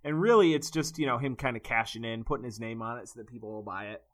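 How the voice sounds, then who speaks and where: A man co-hosting a casual comedic chat, animated and laughing often. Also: mid-range voice, quick pace. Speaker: podcast co-host.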